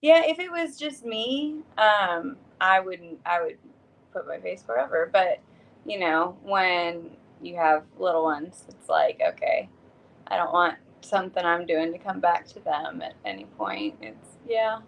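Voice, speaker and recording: Young woman guest, giggly and hesitant, lively pitch with a gravelly fry. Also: measured pace, low-quality recording. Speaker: podcast guest. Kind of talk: casual chat.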